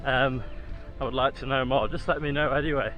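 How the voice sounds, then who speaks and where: A man with a medium-pitched voice talks fairly quickly to his viewers while jogging outside. The recording sounds muffled, with faint music behind.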